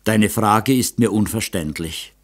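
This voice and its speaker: A man reading an audiobook voices a reserved middle-aged male artist who speaks hard and measured. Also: lowish voice, fairly bright tone. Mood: gentle.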